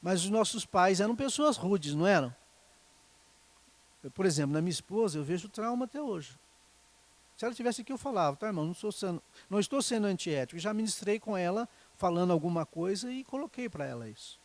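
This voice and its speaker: A man's voice: high voice, animated, brisk. A middle-aged man preaching a sermon in a conversational way, often checking in with the congregation. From Brazil. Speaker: pastor.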